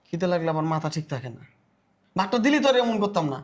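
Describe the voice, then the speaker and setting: An actor playing a lazy, spoiled young man who loudly and whiningly demands food. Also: fairly high pitch, big pitch swings, quick pace. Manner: whiny, demanding, loud. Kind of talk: village family drama acting.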